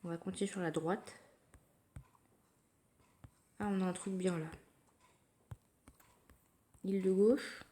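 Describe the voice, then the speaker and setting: Low-voiced woman quietly narrating gameplay. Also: steady tone, slow, long pauses. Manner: quiet, thinking aloud, low-key. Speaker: mobile gamer narrating her play. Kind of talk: casual gameplay commentary. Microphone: phone screen recording.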